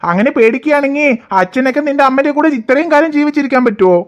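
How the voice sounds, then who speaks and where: A jokey cartoon father, as a woman puts him on, playful and a little bossy with his family. The voice is pushed down into a lower register while still sitting fairly high for a man. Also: lively intonation, quick pace, heavy background noise. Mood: teasing. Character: teasing good-natured father, grown man. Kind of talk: cartoon voice acting.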